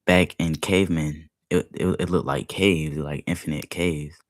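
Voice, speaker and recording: A man's voice: a bass voice, fairly even intonation, a little slow. A young man chatting casually while reacting to a video, rambling with lots of filler words. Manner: rambling, heavy use of "like" fillers.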